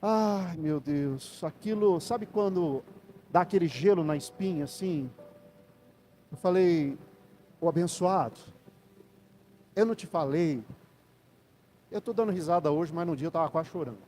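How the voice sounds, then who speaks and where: A man's voice: fairly high pitch, moderate pace, dark tone. A man with a Brazilian Portuguese accent preaching in church, telling a personal story and addressing the congregation as brothers. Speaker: pastor. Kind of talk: sermon testimony.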